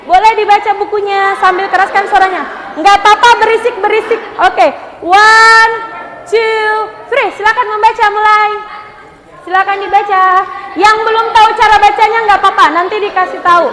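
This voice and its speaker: A young woman from Indonesia tutoring children at a library read-aloud, switching between Indonesian and English and reading the story slowly and clearly. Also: extremely high pitch, fairly even intonation. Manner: mixes English and Indonesian, slow deliberate reading. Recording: chatter of children around the speaker. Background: noisy group of children.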